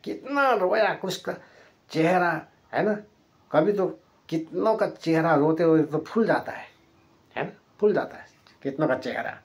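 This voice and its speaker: A man's voice: a little high, animated, unhurried. A man preaching a sermon, retelling a story vividly with repeated phrases and constant tag questions to his listeners. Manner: repetitive, emphatic phrasing.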